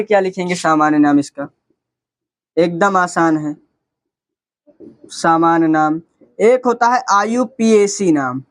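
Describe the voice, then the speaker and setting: A man's voice: sits high, no echo. A man teaching a chemistry lesson, asking questions and answering them himself, repeating key terms. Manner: repetitive, asks and answers his own questions. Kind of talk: classroom lecture.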